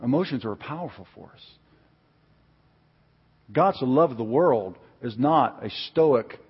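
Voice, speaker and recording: A middle-aged man preaching a sermon as a pastor, moving from a calm telling voice up to loud, impassioned preaching. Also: mid-range voice, husky, long reverb tail, muffled recording. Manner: builds to impassioned, near-shouting preaching. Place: church sanctuary.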